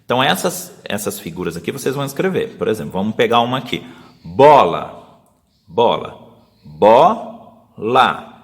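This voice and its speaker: A man with a Brazilian Portuguese accent, a teacher explaining a lesson step by step and slowly sounding out syllables for young pupils. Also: mid-range voice, very animated, fairly bright tone, in a large hall. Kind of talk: remote class video lesson.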